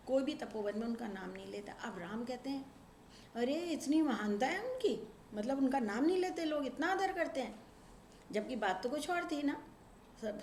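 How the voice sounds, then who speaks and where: A woman teaching a Sanskrit lesson, reading verses slowly and explaining them line by line in Hindi. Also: a little high. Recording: echoey room with faint ambient noise.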